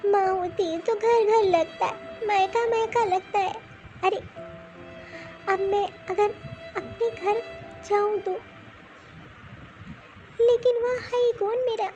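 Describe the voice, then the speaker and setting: A woman's voice: very high voice, steady tone, takes it slowly, long pauses, muffled recording, over music. A woman voicing a grieving young married daughter-in-law in a cartoon, talking in a tearful, mournful way. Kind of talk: cartoon voice acting.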